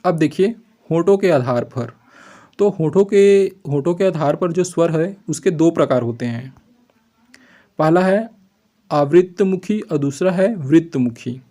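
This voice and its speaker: A man with a slightly high, mellow voice leads an exam-prep lesson. He explains each point patiently and answers his own rhetorical questions. He keeps checking that his listeners follow, and he stretches out sample vowel sounds slowly. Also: expressive. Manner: explains step by step, often checks with "ठीक है जी"; asks rhetorical questions and then answers them. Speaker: teacher.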